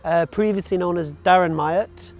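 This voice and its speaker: A high-pitched man speaking at a moderate pace recounts his life as the guest in a casual interview. In his forties and raised in Wales, he's frank and plain-spoken, with lots of ums and uhs.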